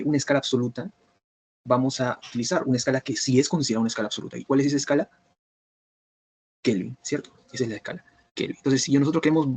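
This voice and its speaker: A man teaching a biochemistry review class online, who keeps checking whether students follow by asking if everything is clear. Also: mid-range voice, darkish tone, no echo. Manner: repetitive, checks understanding with "¿está bien?" and "¿cierto?".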